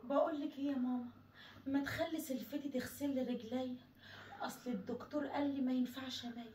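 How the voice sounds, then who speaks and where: A woman's voice: sits high, fairly even intonation, quick pace, darkish tone, slight background noise, close to an everyday voice. A woman playing a spoiled, whiny Egyptian young wife. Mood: demanding. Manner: whiny, demanding. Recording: echoey room with music behind.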